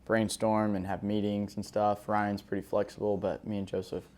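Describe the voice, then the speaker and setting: Young man, twenties, podcast co-host, low pitch, casual upbeat chat. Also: level tone, normal speed, darkish tone. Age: 20s. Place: indoor room, filmed by a cameraman.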